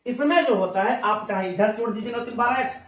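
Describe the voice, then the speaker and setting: Brief: male math teacher, high voice, folksy question-and-answer style, mic far off. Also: quick pace, a bit bright. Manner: folksy, asks the class questions and answers them himself. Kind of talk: classroom math lesson. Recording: echoey room, mic far off.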